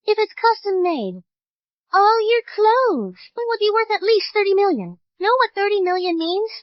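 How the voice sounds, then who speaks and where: A sneering young woman who taunts everyone around her. Her voice is very high and lively. The recording is dry and slightly muffled. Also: moderate pace, no echo. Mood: mocking. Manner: sarcastic, taunting. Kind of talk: English drama dub. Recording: dull dry studio dub.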